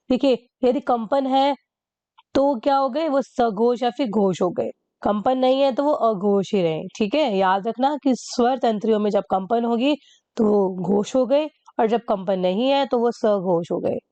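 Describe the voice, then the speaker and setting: A woman's voice: a little high, warm tone, no room sound, muffled recording. A woman teacher patiently explaining a lesson, repeating key points and asking rhetorical questions.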